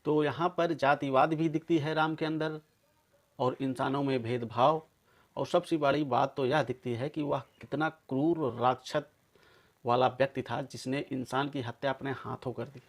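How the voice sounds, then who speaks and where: Man ranting forcefully to viewers. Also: medium pitch, fairly even intonation, moderate pace. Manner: forceful, accusing, emphatic. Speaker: video commentator. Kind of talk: polemical monologue to viewers.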